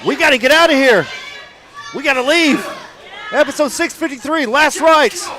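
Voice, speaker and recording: A man calling live wrestling, shouting excitedly over the action and out of breath. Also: very high-pitched, moderate pace. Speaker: wrestling commentator. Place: wrestling arena with a crowd. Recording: commentary over arena crowd noise.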